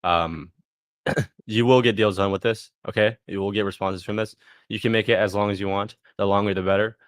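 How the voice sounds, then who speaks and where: A man casually walking through a software demo on a live screen share, thinking aloud as he clicks and punctuating steps with "boom". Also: fairly even intonation, a little fast, no echo, studio quality.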